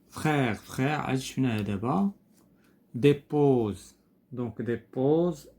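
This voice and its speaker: This man, whose mid-range voice is slightly mellow and carries a Moroccan Arabic accent, teaches his way through a French textbook exercise. He speaks patiently, saying each word twice and pausing over hesitant fillers.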